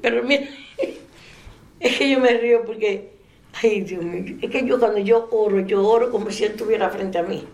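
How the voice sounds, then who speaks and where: An older woman telling a faith story in a relaxed interview. She laughs often and trails off mid-sentence. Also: mid-range voice, moderate pace. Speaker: interviewee sharing a faith testimony. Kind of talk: casual storytelling. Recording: echoey room.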